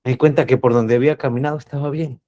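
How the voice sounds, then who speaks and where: An earnest man gives a spiritual coaching talk in a mid-pitched voice. He teaches reflectively, repeating key phrases for emphasis and posing rhetorical questions to his listeners. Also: steady tone, racing, mellow. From Cuba.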